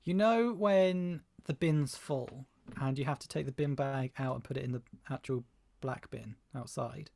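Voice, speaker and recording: A woman's voice: extremely low pitch, a little slow, vocal fry, darkish tone, no echo. A woman co-hosting a casual podcast, playful and teasing as she shares everyday gripes. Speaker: podcast co-host.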